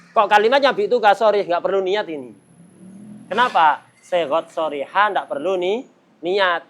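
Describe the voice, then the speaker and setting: A man teaching a religious lesson, playful and quick to laugh, mimicking people for examples. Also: sits high, a bit bright. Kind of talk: kitab study lesson.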